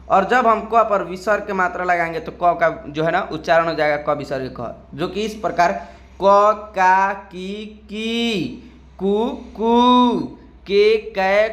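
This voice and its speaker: A man teaching a step-by-step lesson who keeps asking "ठीक है ना" and recites letters slowly, one by one. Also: high voice, fairly bright tone. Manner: repeats "ठीक है ना" often; slow, drawn-out letter-by-letter recitation.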